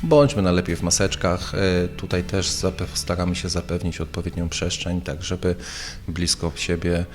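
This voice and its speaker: A man's voice: low voice, moderate pace, soft background music. A man giving an informal spoken invitation to a public event in an interview. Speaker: event organiser.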